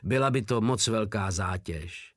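Brief: man voicing an old gruff sergeant, weary and exasperated. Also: fairly low pitch, a bit bright, no echo, studio quality. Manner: tired, exasperated.

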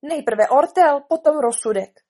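A woman's voice: a little high, expressive, dark tone, husky. A woman voicing a furious, imperious queen who screams orders at the top of her voice. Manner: shrieking and imperious. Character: furious, screeching tyrant queen.

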